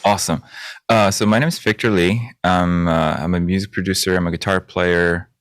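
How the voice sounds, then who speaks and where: A man, a guest chatting casually in an interview and often pausing on fillers. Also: low voice, dry recording, studio quality. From South Korea. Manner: hesitant, many fillers and restarts, animated when recounting. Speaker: guest guitarist and music producer.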